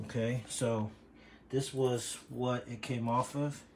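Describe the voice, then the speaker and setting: A man's voice: medium pitch, fairly even intonation, takes it slowly, a little hiss or hum. A man explaining a bike repair in a casual, rambling way, full of fillers, breathing hard from leaning over. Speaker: bike mechanic demonstrating a repair. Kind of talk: casual how-to video.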